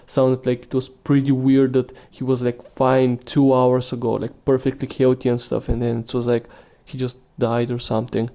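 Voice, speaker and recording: A man's voice: mid-range voice, monotone, normal speed, hardly any pauses, warm tone. A man hosting a solo podcast, talking casually and rambling with many restarts and fillers. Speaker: podcast host.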